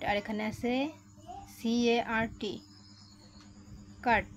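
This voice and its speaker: A woman talks a young class through a textbook lesson, slightly high in pitch. She spells out each word, repeats every step and keeps checking that her listeners follow along. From Bangladesh. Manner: explains slowly, repeats each step, asks "ঠিক আছে?" often. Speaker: teacher.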